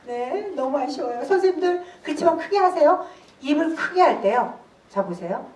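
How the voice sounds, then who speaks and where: A woman in her sixties giving a laughter therapy lecture, animated, breaking into loud laughs and shouts as she leads the group. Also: high-pitched, normal speed, slight background noise. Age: 60s. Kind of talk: workshop lecture with call-and-response. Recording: roomy hall, voice from a distance.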